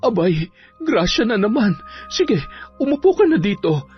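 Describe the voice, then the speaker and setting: A woman's voice: mid-range voice, sing-song, a little slow. A woman voicing a tired, patient mother and long-suffering wife. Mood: weary. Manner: tired, soothing, pleading. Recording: dull audio, soft music behind.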